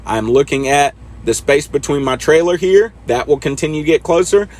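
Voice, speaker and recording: A man's voice: a little high, moderate pace, a little mellow. Laid-back man coaching truck backing. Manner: laid-back, talks to himself while driving. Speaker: truck driver teaching backing. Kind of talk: casual instructional commentary over gameplay.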